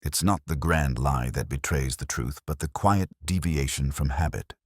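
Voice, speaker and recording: A man voicing Sherlock Holmes, a precise, coolly logical detective who speaks in a measured, formal and certain way. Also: rumbling low, no room sound, studio quality. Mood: measured, stern.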